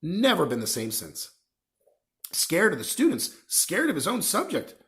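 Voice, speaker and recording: A man's voice: on the high side, wildly swooping pitch, unhurried, a bit bright, pitched above the performer's own voice, heavily acted. Man putting on Hagrid, a boisterous rustic giant. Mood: chatty, booming. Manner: rustic, colloquial speech. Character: gruff, friendly giant man, boisterous and plain-spoken.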